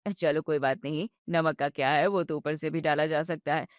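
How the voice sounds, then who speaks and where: A woman voicing a young husband who calmly soothes his upset wife. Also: moderate pace, dry recording, clean studio sound, close to an everyday voice. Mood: soothing. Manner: low, soothing and patient. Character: young husband, calm peacemaker between wife and mother.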